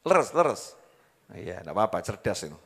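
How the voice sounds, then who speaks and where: A man's voice: on the low side, sing-song, moderate pace, creaky, fairly bright tone, breathy edge, long reverb tail. A man with a Javanese accent preaching a sermon, joking and quizzing his audience as he goes. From Java, Indonesia. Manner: jokey, asks the crowd questions, mixes in local dialect.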